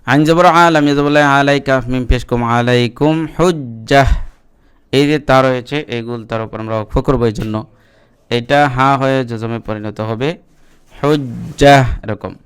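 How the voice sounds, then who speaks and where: A man teaching Quran reading, chanting verses slowly and then explaining the rules in quick Bengali. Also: mid-range voice, smooth. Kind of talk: spelling-out lesson with recitation.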